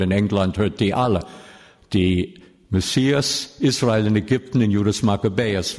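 A man's voice: medium pitch, darkish tone. A middle-aged man preaching a sermon in German full of grammar slips, lecturing and putting questions to his listeners. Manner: slow, lecturing, asks the audience questions. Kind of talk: sermon with teaching asides. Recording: long echoing reverb of a hall.

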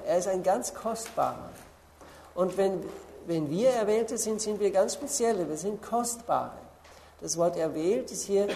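A woman preaching a sermon, slowly stressing key words and pausing to look up Bible verses. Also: fairly low pitch, dark tone.

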